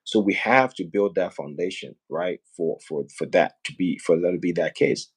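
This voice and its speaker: A deep, slightly rough male voice at a moderate pace belongs to a Liberian live-stream host. Casually promoting home building back home, he argues earnestly and persuasively, frequently adding "right?" and "you know what I mean?"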